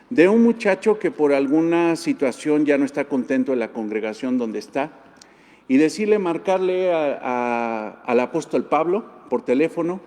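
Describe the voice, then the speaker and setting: A man's voice: medium pitch, a little mellow. A man preaching a sermon earnestly, repeating key points and addressing the congregation as brothers. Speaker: pastor. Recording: long hall reverb.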